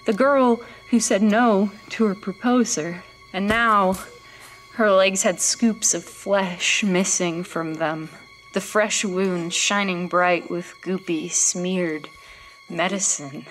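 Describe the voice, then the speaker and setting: This is a rough recording of a woman with a mid-range, lightly acted voice, music running beneath her. Playing a frightened woman looking for her dog in a horror audio drama of narration and scenes, she hesitantly and haltingly tells of a disturbing, haunting experience.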